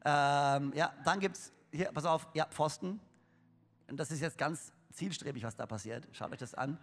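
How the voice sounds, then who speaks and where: A man's voice: on the high side, moderate pace. A young man preaching a humorous sermon to his congregation, chatty and joking, with lots of fillers and restarts. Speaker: pastor. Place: church hall. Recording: long hall reverb.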